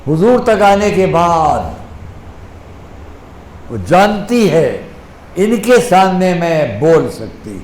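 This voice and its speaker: Impassioned preacher in an echoey hall. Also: male voice, fairly high pitch, big pitch swings, a little hiss or hum. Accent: Indian Urdu. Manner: impassioned, stretches Quranic phrases slowly, drops to a soft voice to act out exchanges. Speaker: maulana preaching at a majlis. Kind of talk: Urdu religious sermon. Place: mourning hall. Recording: echoey hall, faint ambience.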